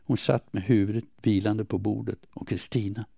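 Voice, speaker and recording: Male narrator, gravelly and mellow, quiet somber diary reading, dry close sound. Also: fairly low pitch, little pitch movement, dry recording. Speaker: audiobook narrator. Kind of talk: first-person diary reading.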